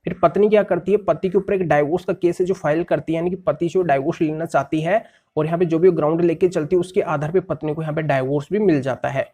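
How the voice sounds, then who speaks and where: A man's voice: fairly high pitch, mellow. A male lawyer explaining a court ruling step by step and rephrasing legal terms in plain words.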